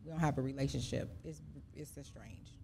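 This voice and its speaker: A woman in her forties answering audience questions as a podcast guest, speaking earnestly with halting restarts. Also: very deep voice, level tone, gravelly, a little mellow, a little hiss or hum. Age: 40s. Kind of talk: live podcast Q&A, personal testimony.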